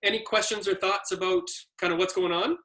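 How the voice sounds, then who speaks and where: Speaking fairly quickly, this adaptive ski instructor trainer has a high-pitched, steady, sharp voice. He's presenting a relaxed training session, rambling like a laid-back storyteller with lots of filler words.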